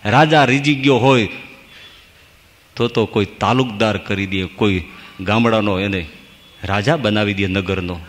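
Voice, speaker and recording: A man's voice: lowish voice, unhurried, pauses often. A man, a monk giving a devotional sermon, telling folk stories and reciting verses. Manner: storytelling with folk verses and acted asides. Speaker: monk preacher. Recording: long hall reverb.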